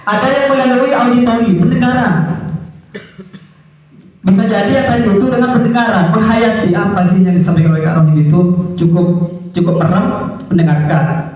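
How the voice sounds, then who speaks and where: High-voiced young man lecturing in echo. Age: young adult. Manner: instructive, checks the audience with quick questions. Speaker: student speaker giving a short talk. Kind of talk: ten-minute lecture to students. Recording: very echoey hall, far from a tinny mic.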